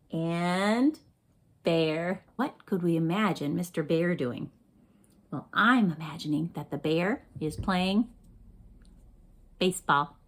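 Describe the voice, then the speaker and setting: Lady teacher talking real slow and sing-songy to little kids, middle-aged. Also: mid-range voice. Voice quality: slow, gentle and sing-song, addressing kids. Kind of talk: children's lesson narration.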